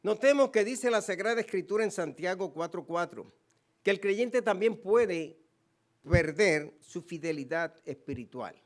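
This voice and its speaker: A man's voice: high-pitched, lively intonation, a little slow. A man with a Puerto Rican Spanish accent, a pastor preaching a sermon, emphatic, with repeated phrases and quoted scripture. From Puerto Rico.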